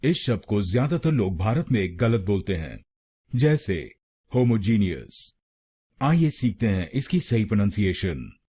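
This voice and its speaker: A man's voice: on the low side, big pitch swings, moderate pace, dark tone, slightly rough. A man teaching word pronunciation in a scripted lesson, breaking the word into syllables and repeating each one.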